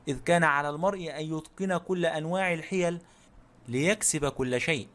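Guy reading a blunt sharp-tongued lady of the house, audiobook, kinda high voice. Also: lightly acted.

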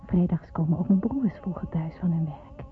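A woman with a lowish, near-everyday voice speaks at a normal pace, narrating a scripted radio drama in the first person. She plays an earnest, content schoolgirl, and the recording has a thin, phone-like quality.

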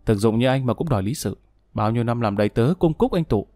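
A man's voice: mid-range voice, animated, fast, dark tone, dry recording, natural voice. A man voicing a contemptuous, angry estranged wife in an audiobook, with cutting delivery. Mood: scornful.

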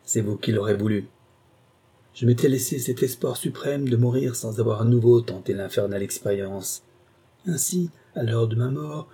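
A man's voice: mid-range voice, husky. A man voicing a tormented old gambler who believes he sold his soul, speaking with impassioned, feverish intensity in an audiobook reading. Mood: furious. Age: older. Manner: impassioned, swings from grave confession to raging shouts.

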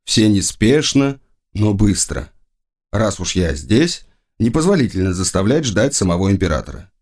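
A man narrating an audiobook in a measured, dry storytelling manner. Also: lowish voice, very animated, darkish tone. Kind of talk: scripted narration.

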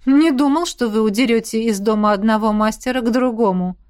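A woman voicing a stern, brooding man who speaks in a low, hushed grumble in an audiobook. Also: expressive, normal speed, natural voice. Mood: gruff. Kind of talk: audiobook reading.

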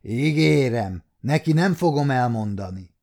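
A man's voice: mid-range voice, expressive, warm tone, lightly acted. An adult man voicing a scheming, domineering nobleman who speaks in a commanding, mocking way. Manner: commanding, sneering.

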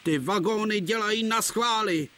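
A vain, touchy male engine from a cartoon, voiced by a man. He speaks huffily, pitched well above a man's usual voice. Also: pushed and bright. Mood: pleading. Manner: huffy, pleading.

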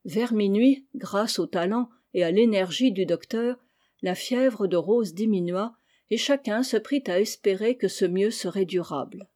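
A woman reading a children's novel aloud, narrating gently and giving the characters their lines. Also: medium pitch, measured pace. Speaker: audiobook reader. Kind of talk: storybook narration.

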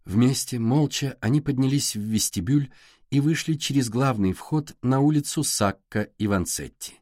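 A man reading a novel aloud as an audiobook narrator, with even, unhurried storytelling. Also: mid-range voice, no room sound, clean studio sound. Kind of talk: scripted narration.

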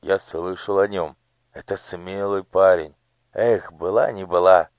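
A man voicing a kind, easygoing old coachman in an audiobook, speaking calmly. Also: deep voice, unhurried, no echo.

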